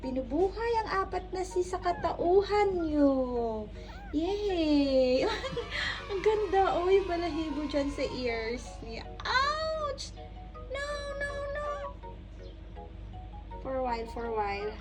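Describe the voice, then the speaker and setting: A woman's voice: very high-pitched, big pitch swings, slow, over music. A woman vlogging with her cats, cooing baby talk at the kittens and chatting casually with them. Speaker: pet vlogger.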